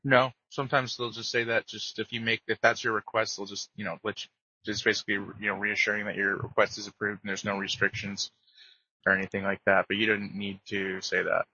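A man working as an air traffic controller, giving brisk, procedural instructions over the radio. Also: fairly low pitch, little pitch movement, sharp tone. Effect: radio transmission. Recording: muffled lo-fi radio audio.

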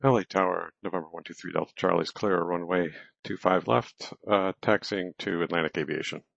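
A man's voice: sits low, steady tone, fairly quick, vocal fry, a bit bright, dry recording. A man radioing air traffic control from a cockpit headset, giving clipped procedural readbacks. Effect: pilot radio over cockpit headset. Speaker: private pilot. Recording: dull lo-fi radio transmission.

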